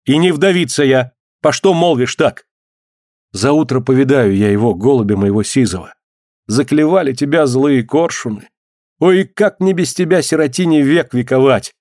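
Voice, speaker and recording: A desperate young peasant wife, read by a man who lifts his voice a little higher for her. She pleads and laments in old-fashioned folk speech. The recording is dry and close. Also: normal speed, darkish tone, dry recording, lightly acted. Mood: lamenting.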